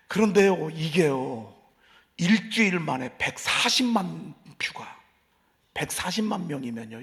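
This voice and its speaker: Lively gravel-voiced Korean pastor preaching. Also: male voice, on the high side. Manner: conversational preaching with rhetorical questions; swings from loud emphasis to near whisper. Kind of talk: dawn service sermon. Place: church sanctuary.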